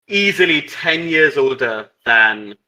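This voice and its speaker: A man's voice: a little high, lively intonation, slow pace, pushed and bright, poor audio. A man narrating a tabletop game as the game master, rambling with hesitant fillers.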